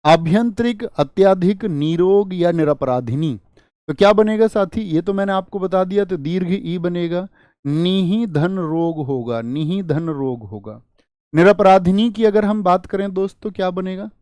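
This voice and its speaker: A man's voice: high-pitched, lively intonation, a little slow, dark tone, clean tone, no echo, clean studio sound. Man quizzing students in a spelling lesson. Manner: quizzing students with repeated rhetorical questions; addresses viewers as friends and brother. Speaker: teacher. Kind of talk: exam-prep Hindi spelling lesson.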